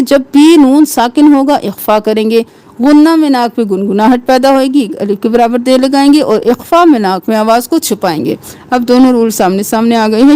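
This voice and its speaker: A woman teaching tajweed, reciting verses in a slow, drawn-out chant and dropping lower to explain the rules quickly. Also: mellow, clean tone.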